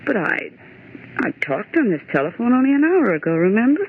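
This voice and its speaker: Brash American typist, high animated voice. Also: female voice, a little fast. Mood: uneasy. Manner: wisecracking, exasperated, brassy. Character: brash, scoffing young female typist, sharp-tongued and impatient. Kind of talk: 1940s radio horror acting. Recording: scratchy, narrowband old radio recording.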